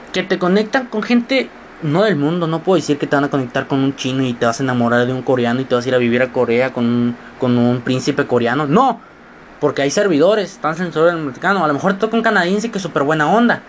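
With a little hiss or hum in the recording, a sixteen-year-old podcast host from northern Mexico rambles on in a fairly high voice. His accent mixes Mexican regional features, and his monologue is jokey and self-mocking, with rapid swings in tone.

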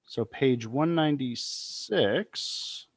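Mid-pitched man at a tabletop game. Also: animated, drawn-out words, husky, no room sound, studio quality. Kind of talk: casual talk and rules read-out.

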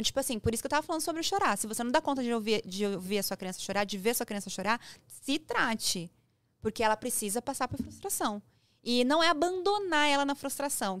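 A woman's voice: fairly high pitch, clear, resonant tone, no room sound. A woman with a Brazilian Portuguese accent, speaking emphatically as a parenting guest on a podcast. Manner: emphatic, animated, acts out dialogue. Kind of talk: podcast conversation. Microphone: studio podcast mic.

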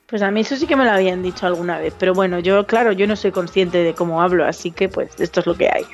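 A woman's voice: lowish voice, fast. Zamora woman cohosting a podcast, chatty, sing-song accent, faint music under. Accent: Zamora Spanish. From Zamora, Spain. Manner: chatty storyteller, quotes others in lively voices. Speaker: podcast co-host. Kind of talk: casual chat.

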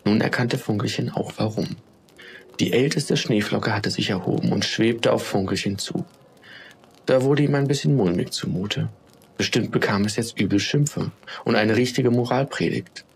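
A man narrating a children's bedtime story in a calm, steady storytelling manner. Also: lowish voice, moderate pace, creaky, a little hiss or hum.

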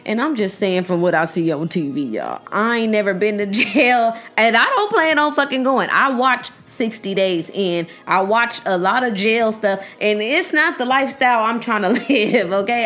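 A woman's voice: on the high side, a bit bright. A young woman vlogging casually, emphatic and slangy, addressing her viewers as y'all. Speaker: vlogger reacting to a series. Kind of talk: casual chat.

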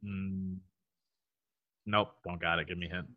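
A man's voice: low voice, level tone, a little slow, phone-quality sound, noisy background. A man co-hosting a podcast, thinking aloud through riddles in a laid-back, slangy way. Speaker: podcast co-host answering riddles. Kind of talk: casual chat.

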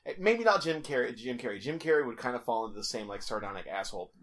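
Fast-talking joking man on a podcast. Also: medium pitch, lively intonation, a bit bright. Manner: joking, profane. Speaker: podcast host. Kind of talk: casual podcast chat.

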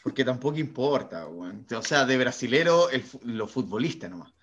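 A man's voice: medium pitch, expressive, normal speed, fairly bright tone. A young man with a Chilean Spanish accent, co-hosting a podcast in casual banter, joking, swearing and arguing. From born in Brazil, raised in Chile. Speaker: podcast co-host. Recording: dull lo-fi sound.

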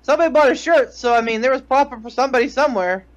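A man's voice: very high-pitched, rapid-fire, muffled recording. A man co-hosts a podcast in loose banter. He swears constantly and mocks others with a jokey, irreverent edge. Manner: heavy swearing, mocking. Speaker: podcast co-host. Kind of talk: casual banter.

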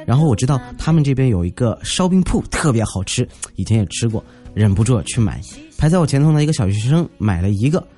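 A man's voice: medium pitch, sing-song, fast talker, dark tone, faint music behind. A man hosting a podcast, telling funny everyday stories in a chatty, jokey way and acting out the quotes. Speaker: podcast host. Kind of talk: comic storytelling podcast.

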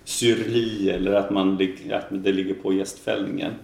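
A man from Gothenburg with a softened Gothenburg accent, chatting and explaining at length as a podcast co-host, with lots of fillers. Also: sits low, little pitch movement, creaky, reverberant, slight background noise. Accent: Gothenburg Swedish, softened. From Gothenburg, Sweden. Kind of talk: casual chat.

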